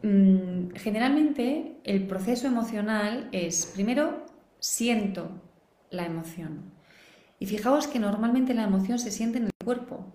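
A woman's voice: medium pitch, lively intonation, unhurried, dark tone, reverberant. A woman teaching a live online parenting class, explaining and acting out quoted voices. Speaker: parenting educator.

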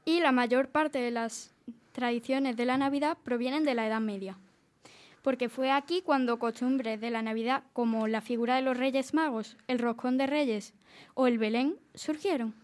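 A woman presenting a short scripted segment on a casual group show, reading facts in a relaxed way. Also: on the high side, moderate pace.

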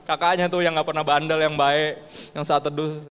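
A man's voice: a little high, flat delivery, moderate pace, fairly bright tone, smooth. A male pastor with an Ambonese accent, preaching casually in slang and acting out conversations. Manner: casual slang-filled preaching, acts out dialogue. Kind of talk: sermon. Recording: long hall reverb with faint music.

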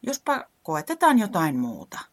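A woman voicing an eager, cheerful young fox in a children's story, chirpy and quick with ideas. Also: lowish voice, wildly swooping pitch, no echo, pitched above the performer's own voice. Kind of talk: storybook character voice.

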